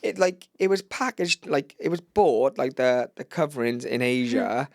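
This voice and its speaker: A man's voice: medium pitch, expressive, moderate pace, gravelly, no room sound, clean studio sound. A man chatting casually and bluntly as a company co-host presenting products. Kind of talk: casual chat.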